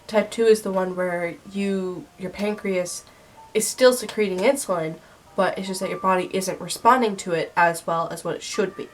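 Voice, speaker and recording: A woman's voice: mid-range voice, normal speed, low-quality recording. A young woman hosts a casual vlog, sounding bunged up with a man-flu style head cold. Her delivery is sarcastic and emphatic, and music plays behind her. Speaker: video host. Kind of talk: casual scripted list vlog with acted skits.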